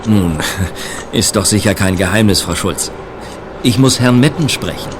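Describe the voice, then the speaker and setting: An actor voicing a calm, steady police inspector in a radio play, hesitating often. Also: male voice, on the low side, measured pace, noisy background, lightly acted.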